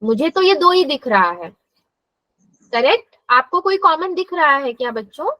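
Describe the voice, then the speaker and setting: A woman's voice: high-pitched, very animated, moderate pace, pushed and bright, dry recording, poor audio. A woman math teacher giving a live classroom lesson, explaining step by step and asking her students questions.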